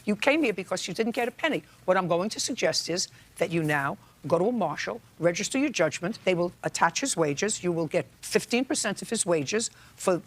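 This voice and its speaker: A woman's voice: on the low side, lively intonation, a little fast, few pauses. A woman acting as a court judge, questioning and ruling in a stern, blunt manner and cutting people off.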